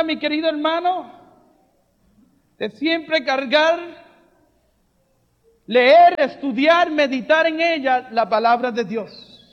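A man with an extremely high-pitched voice preaches a fervent, charismatic sermon that builds to shouted refrains, mixing in joking asides and soft laughter. The recording is dull and lo-fi, in a reverberant hall.

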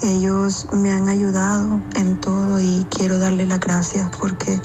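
A woman giving a customer testimonial in a steady, flat delivery. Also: mid-range voice, a little slow, poor audio. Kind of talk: read testimonial. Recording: music bed behind.

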